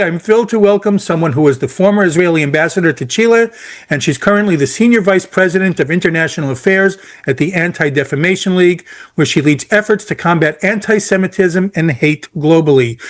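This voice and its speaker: A male podcast host chatting casually with a guest. His voice sits a bit high, and he laughs easily. He often stumbles and restarts his sentences. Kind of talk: casual interview.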